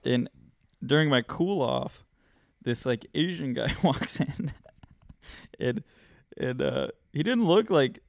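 A man co-hosting a podcast, telling a funny story in a casual, animated way with lots of laughter. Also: medium pitch, takes it slowly, vocal fry, long pauses, no echo, clean studio sound. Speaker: podcast co-host.

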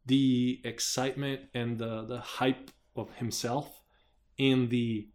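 Male podcast co-host, mid-pitched, meandering storyteller who restarts sentences often. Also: level tone, slow, darkish tone. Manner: rambling, hesitant, lots of fillers and restarts. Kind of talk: casual chat.

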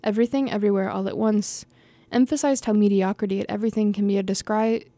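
A young woman reads her own essay aloud at an even, middling pitch, her tone dark and mellow. The recording is close and dry. She sounds casual and easygoing, restarting lines and laughing at her own stumbles. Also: fast, dry recording. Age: young adult. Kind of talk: reading an essay aloud with unscripted asides.

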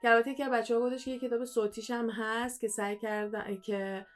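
A young woman co-hosting a casual podcast, talking quickly with lots of fillers and restarts. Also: fairly high pitch, flat delivery, soft background music. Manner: chatty, fast, many fillers and restarts. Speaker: podcast co-host.

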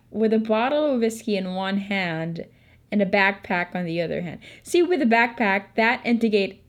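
Brief: woman, 20s, Filipino accent, candid and profane storytelling vlogger. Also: a little high. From Philippines. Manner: swears a lot, chatty and candid. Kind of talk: casual storytelling.

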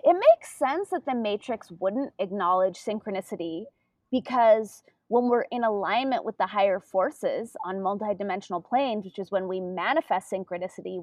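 A woman co-hosting a podcast, engaged and quick to chime in with questions. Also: mid-range voice, no room sound. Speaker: podcast co-host. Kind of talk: casual spiritual conversation.

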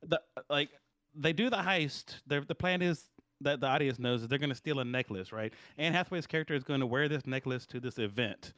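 A man's voice: mid-range voice, brisk, fairly bright tone, no room sound. A man co-hosting a casual movie review podcast, rambling and profane, checking in with "right?" as he goes. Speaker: podcast co-host.

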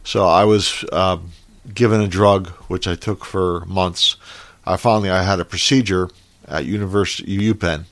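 Low-voiced man, numb marbles-in-mouth articulation. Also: fairly even intonation, no echo. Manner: halting, hesitant. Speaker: podcast host. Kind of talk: candid personal monologue.

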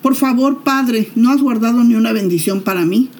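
A woman's voice: a little high, moderate pace, a little mellow, natural voice. A woman voicing a desperate elder son, a hunter, pleading in a raised voice.

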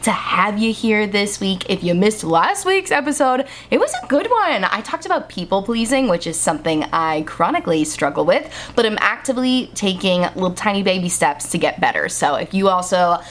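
A woman's voice: mid-range voice, very animated, moderate pace, hardly any pauses, fairly bright tone. Chatty young woman, close on the mic. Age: 20s. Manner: speaking close to the mic, right in the ear. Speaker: podcast host. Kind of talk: casual chatty solo podcast talk. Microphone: close podcast microphone.

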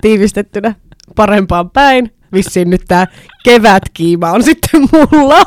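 A woman's voice: medium pitch, lively intonation, no room sound. A young woman co-hosting a casual podcast chat, answering briefly and swearing offhand. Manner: short backchannel replies, swears casually. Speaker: podcast co-host.

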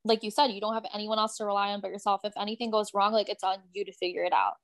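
A woman's voice: medium pitch, fairly even intonation, rapid-fire. Young woman, podcast co-host, casual storytelling, filler-heavy chat. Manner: chatty storytelling, lots of "like" fillers.

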